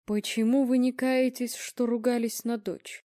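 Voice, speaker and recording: A woman voicing an eerie male clairvoyant, speaking slowly in a cold, stony tone. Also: on the high side, flat delivery, warm tone, no room sound, studio quality, close to an everyday voice.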